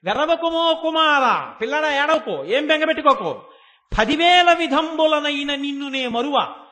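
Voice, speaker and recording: A male preacher quoting a gentle mother goddess, consoling and reassuring in long, stretched-out phrases. The voice sits very high and has a bright, forceful edge. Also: expressive, full character voice. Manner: soothing, reassuring, drawn-out lines. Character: the Divine Mother, a tender protective goddess.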